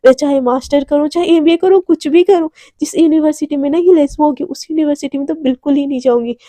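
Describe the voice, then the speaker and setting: A woman voicing a moody, scornful young college woman who bursts out in excited, high-pitched lines. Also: fast, no room sound, natural voice.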